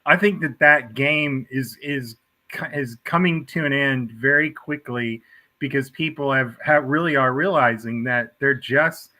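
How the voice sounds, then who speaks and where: A man's voice: mid-range voice, measured pace, pushed and bright, rough recording. A man co-hosting a casual podcast chat, talking in a loose, filler-heavy way with stumbles and restarts. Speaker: podcast co-host.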